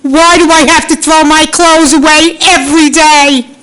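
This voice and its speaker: An indignant woman in her sixties speaks slowly and deliberately at a council meeting's public comment. Her voice sits a little high, and she keeps pressing the same questions again and again, pleading for an answer. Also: flat delivery, fairly bright tone, poor audio. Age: 60s. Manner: indignant, pleading, repeats demands. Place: council chamber.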